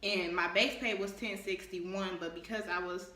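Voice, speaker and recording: A woman's voice: mid-range voice, fairly even intonation, normal speed, sharp tone, reverberant. A young woman of about nineteen giving candid, chatty advice in a casual vlog, talking straight to her viewers. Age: young adult, about 19. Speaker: vlogger.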